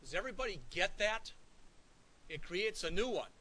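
Bright-voiced man giving a classroom lecture. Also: high voice, animated, moderate pace, rough recording. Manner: conversational, checks in often with "all right?". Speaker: college instructor. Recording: faint hiss.

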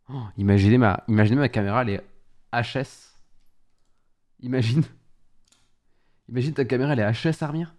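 A man streaming live with a head cold, chatting casually, stumbling and restarting his sentences and exclaiming at technical trouble. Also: medium pitch. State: sick with a head cold, blowing his nose.

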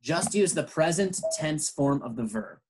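Slow, patient bilingual English teacher man. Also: on the high side, expressive, background noise. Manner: slow, patient explaining, switching between English and Spanish. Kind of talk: bilingual classroom lesson.

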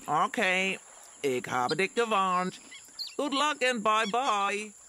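Woman doing a male frog, English accent, croaking, bright tone, slow, children's storybook. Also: mid-range voice, lively intonation, a little hiss or hum, voice pushed up. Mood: chatty warning. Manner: croaks "ribbit", mixes in English words.

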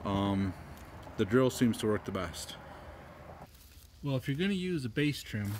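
A man's voice: lowish voice, sing-song, unhurried, a little mellow, a little hiss or hum. A middle-aged man in a pole barn workshop, plainly explaining how he puts up steel siding, step by step, with small restarts. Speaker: homestead video host. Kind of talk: casual how-to narration.

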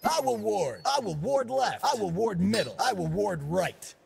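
An actor playing a cocky, laid-back young dancer and DJ in a video game, with swaggering party slang and a gravelly voice. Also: male voice, high-pitched, lively intonation, moderate pace, background noise, full character voice. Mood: energetic, urgent. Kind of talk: video game character voice lines.

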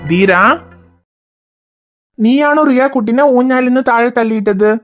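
A woman voicing a patient cartoon father who calms and reasons with small children. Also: on the high side, a little slow, dull audio, faint music behind, close to an everyday voice. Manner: soothing, reasoning, calm. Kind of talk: cartoon voice acting.

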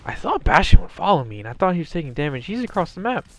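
Man, gravelly voice, casual game commentary, sarcastic, swears a lot. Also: on the high side, sing-song, fast, fairly bright tone, faint music behind. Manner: wry, sarcastic, profane. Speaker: gameplay commentator.

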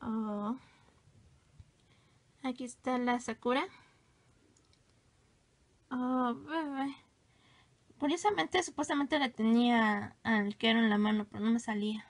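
A woman's voice: on the high side, normal speed. A woman casually showing off her old hand drawings, gushing and exclaiming as she goes. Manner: gushing, exclamatory, self-teasing. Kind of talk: casual show-and-tell.

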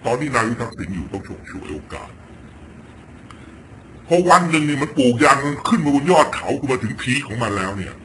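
A man's voice: medium pitch, sing-song, fairly quick, background noise. A man from Thailand ranting through a political commentary clip, blunt and crude, swearing often as he talks. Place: home in Virginia.

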